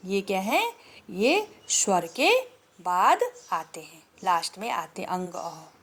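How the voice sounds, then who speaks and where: A woman's voice: mid-range voice, huge pitch swings, fairly bright tone, breathy edge. A woman teaching a grammar lesson to children, patiently explaining, asking questions and answering them herself. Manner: drawls vowel sounds slowly as examples.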